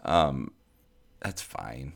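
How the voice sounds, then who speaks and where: Very deep gravelly man, dry quips. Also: very animated, extremely slow. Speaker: fantasy baseball podcast co-host. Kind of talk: casual chat.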